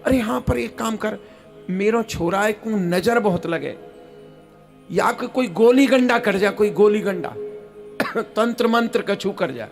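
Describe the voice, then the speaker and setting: A man with a Braj accent voicing Yashoda, a worried village mother pleading softly for her baby, in a devotional storytelling sermon. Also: sits high, slow, vocal fry, pauses often, soft background music, heavily acted. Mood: delighted.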